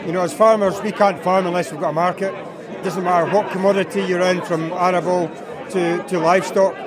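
High-voiced Scottish farmer, hesitant. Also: male voice, steady tone, brisk. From East Lothian, Scotland. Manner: hesitant, many fillers. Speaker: livestock and arable farmer. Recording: crowd chatter behind.

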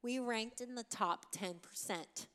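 A woman co-hosting a podcast in casual chat, quick to agree and laugh along. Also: fairly high pitch, a bit bright, big-room sound. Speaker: podcast co-host.

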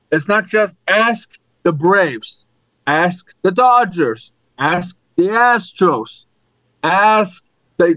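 A man co-hosting a podcast, chatting casually about sports, halting and restarting his sentences often. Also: high-pitched, sharp tone, dry recording, muffled recording. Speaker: podcast co-host.

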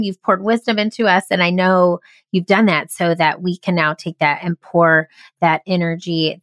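A woman's voice: lowish voice, a bit bright, no room sound, studio quality. A woman hosting a podcast interview, talking in an effusive, enthusiastic, casual way. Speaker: podcast host.

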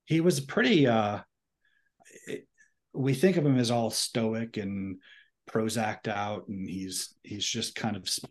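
A man's voice: on the low side, slow. A man co-hosting a podcast, talking in casual discussion with a wry, dry sense of humor. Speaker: podcast co-host.

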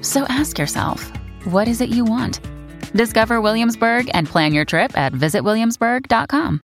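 Female ad read, sing-song lively delivery over faint music. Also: on the high side, moderate pace.

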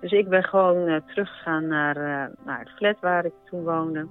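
Woman, personal testimony, halting, many fillers and restarts, tinny phone-like audio, faint background music. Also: low-pitched, smooth. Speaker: storyteller recounting a personal experience. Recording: narrow phone-like sound with faint music behind.

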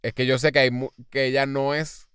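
A man talks through a film review in loose, rambling podcast chat. He slips English phrases into his sentences and leans on fillers. His voice is smooth and clear, recorded close and dry. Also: mid-range voice, flat delivery, fairly quick, a bit bright, no room sound. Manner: rambling, mixes English words into Spanish, many fillers. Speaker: podcast co-host.

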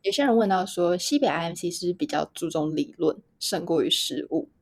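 A woman's voice: lowish voice, lively intonation, a little fast, a little mellow, breathy edge, no echo. A woman hosting a casual podcast interview, chatting and laughing at herself now and then. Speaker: podcast host.

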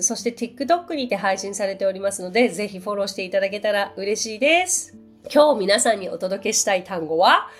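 A woman teaching English on her podcast in a friendly, chatty way, with many fillers. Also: medium pitch. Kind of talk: casual podcast lesson. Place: Tokyo.

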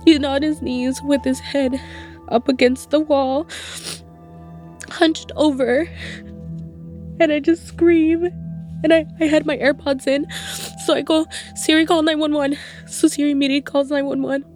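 Woman retelling what happened, high voice, emotional, faint music under it. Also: level tone, moderate pace, darkish tone. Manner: emotional, acts out quoted dialogue. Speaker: interviewee, widow recounting. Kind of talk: personal interview recollection.

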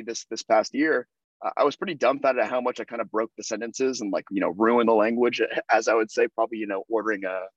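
In a lo-fi recording with no room sound, a young American podcast guest speaks in a voice on the low side. He keeps the interview casual and conversational, often using fillers and starting his sentences over.

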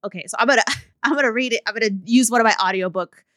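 A woman's voice: a little high, racing, a bit bright, no echo, clean studio sound. Frank, chatty woman podcast host. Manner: frank, conversational, with many "right?" tags. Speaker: podcast host and business coach. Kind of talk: solo podcast talk.

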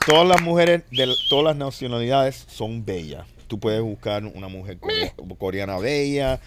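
A man's voice: medium pitch, expressive, moderate pace. A man earnestly explaining his views in a casual podcast chat, agreeing often. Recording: clicking noise in background.

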